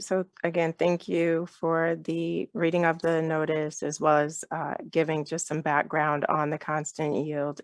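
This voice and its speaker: A woman mayor chairing a council meeting in a measured, polite, procedural way. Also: sits low, no echo.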